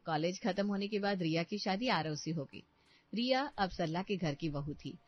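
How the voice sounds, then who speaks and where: A woman narrating a scripted story in a plain, even way. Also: fairly low pitch, normal speed. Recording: dry, slightly dull recording.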